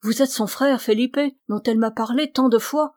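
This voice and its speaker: A woman's voice: on the high side, moderate pace, a little mellow, no room sound, studio quality, lightly acted. A woman voicing an emotional, fearless older mother who talks in a rush in a storybook reading. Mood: distressed. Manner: breathless, emotional.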